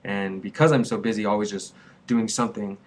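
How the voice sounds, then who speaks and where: Fairly quick and steady in tone, with a voice on the low side, a twenty-something small business owner gives casual vlog advice to camera. He's earnest, and his talk rambles and circles back on itself.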